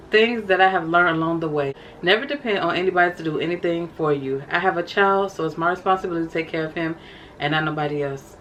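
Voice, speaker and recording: A woman's voice: on the low side, lo-fi sound, a little hiss or hum. A young woman vlogging casually, reading from her journal and calling her viewers y'all. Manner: chatty, addresses viewers as y'all.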